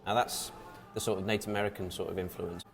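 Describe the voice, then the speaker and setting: A man's voice: sits low, steady tone, quick pace, music in the background. A man co-hosting a casual food chat, explaining dishes and listing ingredients with many ums. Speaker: deli co-host.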